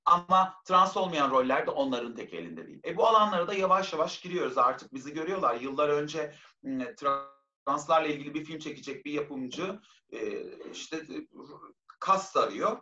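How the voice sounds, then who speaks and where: A woman guest in an interview, telling anecdotes in an animated way. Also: low-pitched, moderate pace. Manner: lively, acts out others' voices in anecdotes. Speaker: guest actress. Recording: roomy, dull lo-fi sound.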